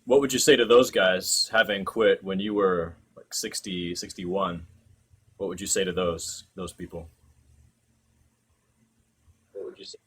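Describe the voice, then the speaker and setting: A man hosting an interview, asking thoughtful questions and encouraging his guest in a calm way. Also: deep voice, a little slow, pauses often, a little hiss or hum. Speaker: host.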